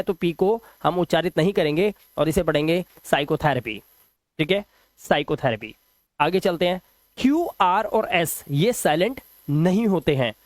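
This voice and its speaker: A man teaching pronunciation rules in a patient, step-by-step classroom style, repeating examples slowly. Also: sits high, no echo. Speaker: English teacher. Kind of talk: classroom-style lesson explaining silent letters.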